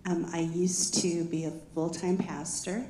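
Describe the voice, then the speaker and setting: Calm older woman with a mellow low voice. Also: measured pace, a little hiss or hum. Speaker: retired pastor, panelist. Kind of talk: panel sharing. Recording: echoey church hall.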